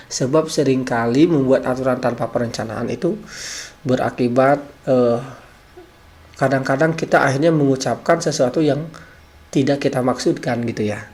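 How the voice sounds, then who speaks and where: Man, parenting lecture, calm, explanatory, rhetorical questions, mid-pitched voice. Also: moderate pace. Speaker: parenting speaker.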